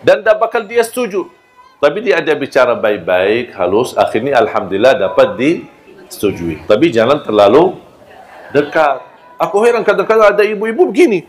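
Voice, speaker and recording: An Arabic-accented man gives a humorous sermon in a voice on the high side, at a moderate pace. He is a lively storyteller who acts out quoted voices and jokes with his listeners.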